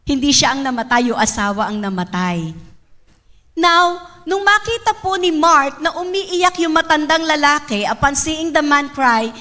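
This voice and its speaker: A woman with a Filipino accent preaching a sermon, calling for amens and slowing down on key lines. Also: high-pitched, sharp tone. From Philippines. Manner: emphatic, calls for amens, draws out key words. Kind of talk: sermon mixing Filipino and English.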